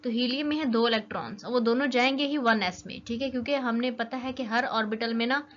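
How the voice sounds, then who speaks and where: This young chemistry teacher has a voice on the high side with a fairly bright tone, and she moves briskly through an informal lesson, checking in with "okay" often. The lo-fi recording is dull, with some faint noise.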